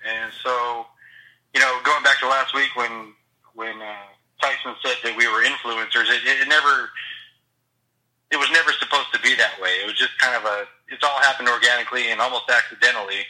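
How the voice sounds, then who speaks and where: A man's voice: medium pitch, fairly even intonation, a little fast, pushed and bright. A man calling in by phone on speaker as a guest, chatting casually and rambling with restarts. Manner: laid-back, rambling with restarts and fillers. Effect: heard through a phone on speaker. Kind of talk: casual chat. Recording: phone call played into the room.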